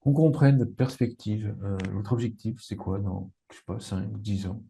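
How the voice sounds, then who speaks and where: A man's voice: fairly low pitch, normal speed, vocal fry, warm tone, a little hiss or hum. A man from Savoie interviewing a business founder in a conversational, slightly hesitant way. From Savoie, France. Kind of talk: casual interview.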